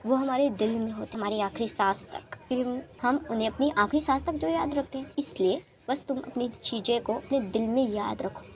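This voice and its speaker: A woman voicing a calm, protective young man who patiently soothes the one he loves in a storybook romance. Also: a little high, moderate pace, hardly any pauses, close to an everyday voice. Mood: comforting.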